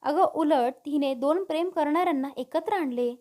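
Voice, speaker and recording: A woman voicing an easygoing middle-aged father who calms and jokes, in her own high voice. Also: normal speed, natural voice. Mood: indulgent.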